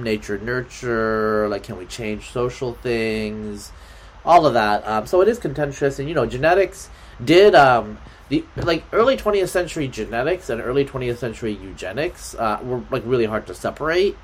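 A man's voice: mid-range voice, animated, normal speed. Man, podcast guest, casual, rambling, filler-heavy. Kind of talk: casual conversation.

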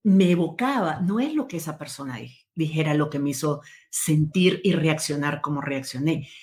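In this conversational interview, the female guest has a deep, darkish voice that is expressive and moves at a moderate pace. Her manner is sincere and reflective, and she frequently revises her words mid-sentence.

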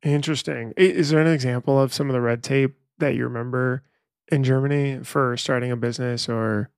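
A man hosting a podcast, introducing the show and asking curious, quick follow-up questions. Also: mid-range voice, steady tone, vocal fry, a little mellow, no room sound, clean studio sound. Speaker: podcast host. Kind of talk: casual interview hosting.

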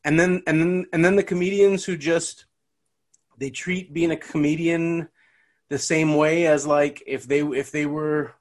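A man's voice: a little high, steady tone, a little slow. A man with a Canadian accent hosting a casual podcast chat, rambling with many restarts and repeated words. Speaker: podcast host.

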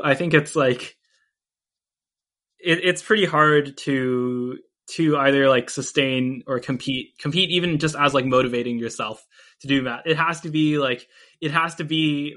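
A man's voice: mid-range voice, fairly bright tone. A man hosting a casual chat, laughing often and restarting his sentences.

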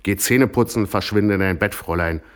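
A man's voice: moderate pace, close to an everyday voice. A man voicing a strict, hysterical housewife mother who scolds and shrieks. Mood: scolding. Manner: scolding, shrill.

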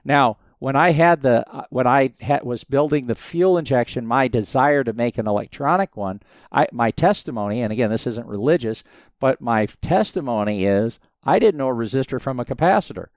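A man in his fifties tells stories as a podcast guest, his voice smooth and resonant on a dry, close recording. He rambles with plenty of restarts but keeps the telling lively. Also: mid-range voice, a little fast, no room sound. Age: 50s. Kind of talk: casual storytelling interview.

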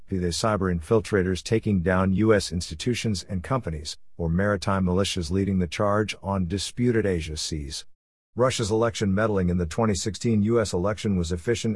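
A man reading scripted opinion commentary in the manner of an investigative news exposé, with a husky voice. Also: fairly low pitch, darkish tone, no room sound, clean studio sound.

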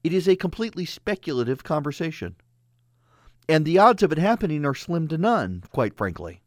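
A man's voice: fairly high pitch, big pitch swings, a little fast, no room sound, studio quality. Man radio host with hissing s. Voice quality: slightly hissing, sibilant s from dental braces. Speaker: radio talk show and podcast host. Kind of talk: conversational monologue and sponsor read.

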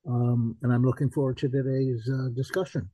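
A man in his eighties from Japan speaks calmly and courteously. His voice is mellow and dark, with a dry, close sound. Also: medium pitch, moderate pace, no echo, low-quality recording. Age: 80s.

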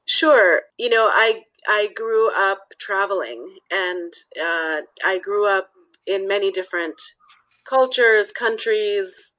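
A woman's voice: medium pitch, takes it slowly, fairly bright tone, rough recording. A woman from Nepal, a guest author talking through her thoughts in a casual interview, often restarting phrases and adding "you know.".

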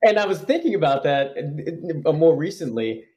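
Animated, expressive man talking earnestly. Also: a little high, normal speed. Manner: earnest, animated, restarts phrases often. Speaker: psychologist guest. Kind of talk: conversational podcast interview.

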